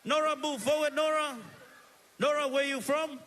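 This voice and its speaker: Energetic Samoan-accented male emcee, high and bright, on a stage mic. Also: moderate pace. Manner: energetic, calls out to the crowd, switches between Samoan and English. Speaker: master of ceremonies. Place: stage at an evening show.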